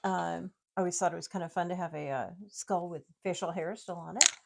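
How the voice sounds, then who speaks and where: A woman's voice: fairly low pitch, fairly even intonation, fairly quick, creaky, a little hiss or hum. A woman guest in a casual chat, explaining her collection at length and laughing often. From United States. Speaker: guest, tiki mug collector. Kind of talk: casual chat, show-and-tell.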